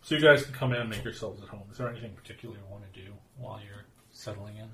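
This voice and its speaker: A man's voice: fairly low pitch, very fast, recorded from a distance. A man narrating and joking as game master in a tabletop role-playing game. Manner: relaxed, joking, with fillers and laughs. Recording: echoey room with faint noise.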